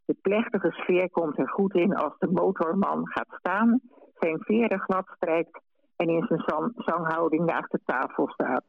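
A man tells a story for the radio at a calm, measured pace. His voice is high with a gravelly rasp. The sound is dull and lo-fi, close and dry. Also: no room sound.

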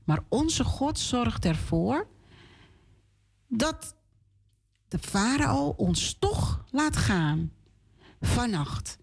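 Woman doing a gentle reassuring father. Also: on the high side, sing-song, very slow, creaky, long pauses, breathy edge, voice pushed up, heavily acted. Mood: urgent. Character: kind caring father.

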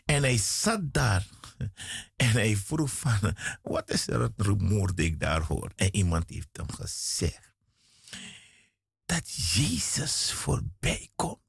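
A man preaching a radio sermon, slow and emphatic, with dramatic swings and repeated phrases. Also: on the low side, big pitch swings, vocal fry, slightly rough, no echo, studio quality. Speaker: guest preacher.

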